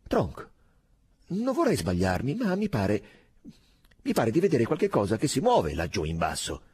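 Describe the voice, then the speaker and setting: A man's voice: wildly swooping pitch, a little slow, slightly rough, heavily acted. A man voicing an anxious young army lieutenant, agitated and hesitant. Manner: agitated, hesitant, higher and louder.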